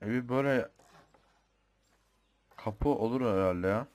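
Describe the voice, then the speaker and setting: With an unhurried, slightly mellow, medium-pitched voice, a young Turkish-accented gamer talks through his own play, chatting and reasoning out loud and letting slip a mild swear here and there.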